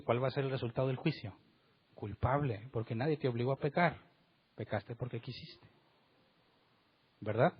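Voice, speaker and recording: A man's voice: mid-range voice, breathy edge. A man preaching a sermon as pastor, emphatic and full of rhetorical questions, acting out the quotes he reads. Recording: dull lo-fi sound.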